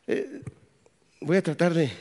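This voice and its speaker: A Mexican pastor preaches slowly at a conference, his high-leaning voice sing-song and darkish with vocal fry. He speaks with a Mexican Spanish accent, telling jokes and asking the audience questions. A long hall reverb lingers behind him.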